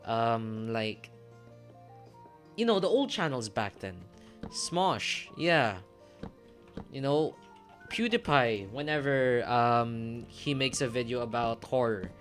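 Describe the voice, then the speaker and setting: A man's voice: medium pitch, animated, slow pace, long pauses, a bit bright. A man in his twenties chatting casually while streaming a game, hesitant, with many ums and restarts. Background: faint game music.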